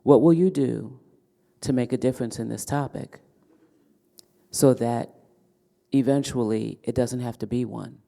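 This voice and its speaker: Male moderator at a summit, mid-pitch voice, coaxing and rallying the audience. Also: a little slow, vocal fry, long pauses, dark tone, long reverb tail. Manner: encouraging, pushes the audience to take part. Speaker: event moderator. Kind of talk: addressing a conference room.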